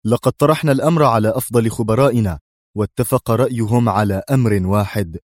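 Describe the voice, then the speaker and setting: A man's voice: fairly low pitch, brisk, darkish tone, no echo, studio quality, close to an everyday voice. A man voicing a stern, commanding male defense secretary who speaks curtly and severely in an audiobook thriller. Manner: curt and severe.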